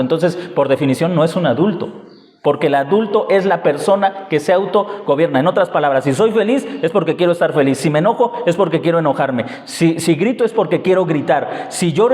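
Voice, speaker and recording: A man preaching as pastor from the front of a church, his voice a little high for a man. He keeps putting rhetorical questions to the congregation and acting out what parents say. The sound rings around a big echoing hall. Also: darkish tone. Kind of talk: sermon.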